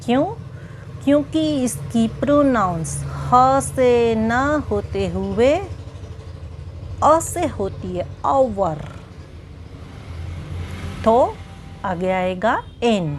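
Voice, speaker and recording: Slow, patient woman with an Indian English accent. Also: a little high, animated, a little hiss or hum. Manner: patient, repetitive, checking in with the listener. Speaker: English teacher. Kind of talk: bilingual grammar lesson.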